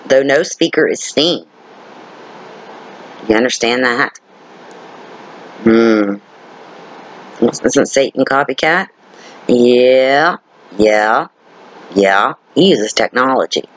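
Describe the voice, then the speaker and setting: A man's voice: medium pitch, a bit bright, slight background noise, rough recording. A man leading an informal Bible study, reading scripture aloud and explaining it, repeating key words and checking in with listeners. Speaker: Bible teacher.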